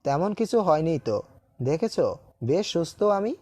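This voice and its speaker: An actor playing a caring young best friend in a Bengali audio drama, pressing with urgent questions. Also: male voice, fairly high pitch, big pitch swings, unhurried, mellow, slightly rough, full character voice. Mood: worried.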